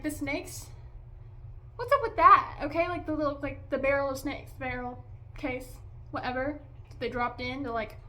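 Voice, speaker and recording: A woman's voice: high voice, pushed and bright, slight background noise. A young woman vlogger giving a casual, exasperated movie review, chatty and full of "like" and "okay?".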